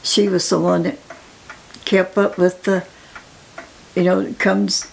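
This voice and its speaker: A very old woman with a Southern Appalachian accent recalls the past in a casual interview. Her aged voice is full of gravel and creak, and she speaks plainly, haltingly, often repeating herself. There is some background noise. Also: lowish voice, little pitch movement, poor audio. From Appalachia, United States. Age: 90s. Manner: halting, repetitive, plain-spoken. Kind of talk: casual reminiscence.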